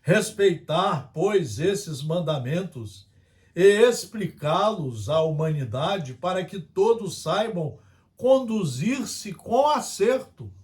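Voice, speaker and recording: Homem pregador de fala lenta. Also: male voice, high-pitched, animated, darkish tone. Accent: Brazilian Portuguese. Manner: slow and deliberate, stretching key words. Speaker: spiritist speaker. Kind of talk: spiritist sermon.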